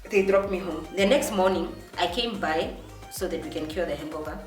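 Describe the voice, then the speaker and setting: A woman's voice: on the low side, moderate pace. A young woman from Namibia with a Namibian accent, telling a story casually with many fillers and restarts. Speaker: vlogger. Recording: roomy, distant mic, faint music.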